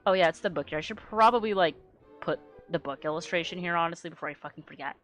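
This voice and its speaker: A woman streamer chatting casually with a low natural voice, rambling and swearing, often trailing off into quiet mumbles. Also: fast talker, faint music behind. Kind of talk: casual livestream chat.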